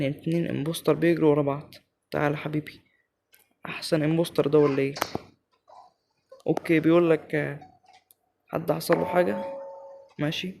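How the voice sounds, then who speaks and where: A man with an Egyptian Arabic accent giving excitable live commentary as he plays a game, talking straight to his viewers. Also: a little high, gravelly, slight background noise. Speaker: gaming channel host.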